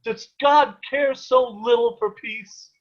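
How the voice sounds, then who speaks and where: A man with an extremely high, steady voice speaks slowly in a full character voice, playing a stern, protective peasant father during a video-call table read of a period play. His diction is ornate and old-fashioned, his mood anguished, and the online call sounds dull and lo-fi.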